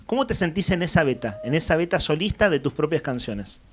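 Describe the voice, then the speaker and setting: A man's voice: fairly high pitch, big pitch swings, a little fast. An Argentine man hosting a radio interview, asking long questions with many fillers. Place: radio studio.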